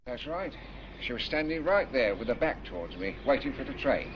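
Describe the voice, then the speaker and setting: An actor playing a chatty, helpful village stationmaster with an amiable, gossipy manner. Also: male voice, mid-range voice, very animated, normal speed, noisy background, close to an everyday voice. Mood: friendly. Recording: dull 1960s film soundtrack.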